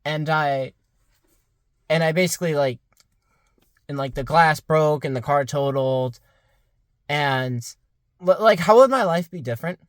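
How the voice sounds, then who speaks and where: A vlogger of around 20 muses aloud in a casual, rambling monologue, peppering it with "like." His voice sits a little high, and he speaks at a measured pace with frequent pauses. The recording is dry and of studio quality.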